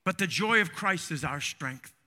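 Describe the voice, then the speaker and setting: A man's voice: fairly high pitch, animated, normal speed, bright, forceful tone. Man preaching in a reverberant hall. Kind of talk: sermon.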